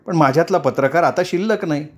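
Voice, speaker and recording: A man voicing a despairing adult journalist who talks low and weary. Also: fast talker, close to an everyday voice. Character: despairing male journalist, adult, broken-spirited.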